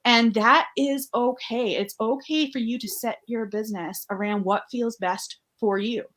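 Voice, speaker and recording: A woman's voice: a little high, measured pace, fairly bright tone. A woman guest on a podcast, talking in an upbeat, chatty way with lots of "like" fillers. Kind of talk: casual conversational interview.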